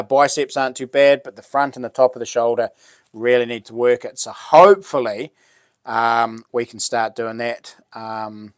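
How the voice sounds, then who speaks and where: A man's voice: medium pitch, no echo, clean studio sound. A man with a broad New Zealand accent chatting casually as a livestream host, full of laid-back, matey Kiwi slang. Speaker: live stream host. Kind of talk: casual livestream chat, reading out comments.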